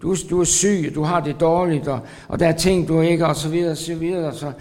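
A man preaching a sermon. He repeats his phrases and pauses with fillers, then builds to loud, drawn-out emphasis. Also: a little high, fairly even intonation. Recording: long hall reverb.

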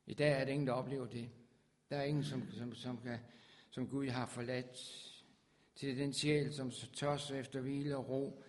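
A man preaching a sermon with fervor, his voice swelling loud on scripture. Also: medium pitch, fairly even intonation.

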